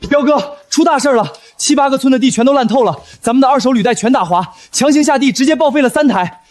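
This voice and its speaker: A man voicing a flattering henchman who eagerly reports to his boss. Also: very high-pitched, quick pace. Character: fawning henchman, eager and nervous. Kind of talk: drama voice acting.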